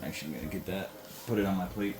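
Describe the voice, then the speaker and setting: A man's voice: low-pitched, rapid-fire, very noisy. A man casually chatting through a home cooking demo in his kitchen, rambling and correcting himself with lots of fillers.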